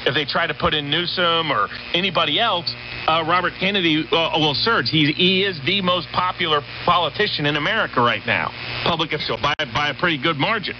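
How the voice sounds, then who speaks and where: A man with a slightly high voice speaks briskly as an interview guest, offering off-the-cuff political analysis. He stacks his points in lists and repeated phrases with real emphasis, heard over a dull, noisy shortwave radio relay.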